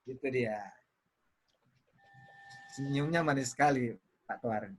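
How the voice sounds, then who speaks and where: A man's voice: mid-range voice, slow pace, noisy background. A man teaching public speaking on a video call, explaining with everyday examples and repeating words to show intonation. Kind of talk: online workshop teaching.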